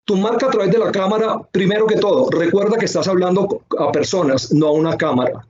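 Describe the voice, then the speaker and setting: A man's voice: sits high, fast talker, a little mellow, muffled recording. A man giving a sales webinar, speaking, stacking emphatic lists and rhetorical questions. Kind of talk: webinar presentation. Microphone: computer microphone on a video call.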